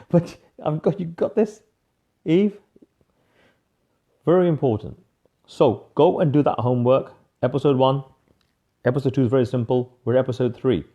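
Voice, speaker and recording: A man giving an energetic live motivational coaching talk, emphatic, repeating key phrases and calling viewers by name. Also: medium pitch, muffled recording.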